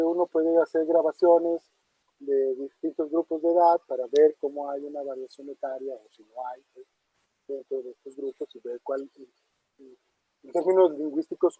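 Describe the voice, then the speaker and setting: A man's voice: fairly high pitch, normal speed, husky, no room sound. A man answering audience questions in a casual academic talk, thinking aloud with many fillers and tag questions. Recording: dull muffled online talk audio.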